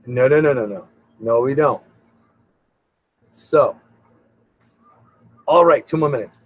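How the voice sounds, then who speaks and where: Husky chatty man hosting a stream. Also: mid-range voice, slow, dry recording, rough recording. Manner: chatty, rambling, repeats words. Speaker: host. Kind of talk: casual live-stream talk.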